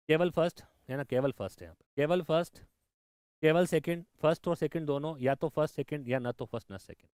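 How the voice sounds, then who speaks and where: Enthusiastic male reasoning teacher, crisp voice. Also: a little high, a little mellow, dry recording, studio quality. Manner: enthusiastic, talks to students directly, mixes in English terms. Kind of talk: online exam-prep lecture.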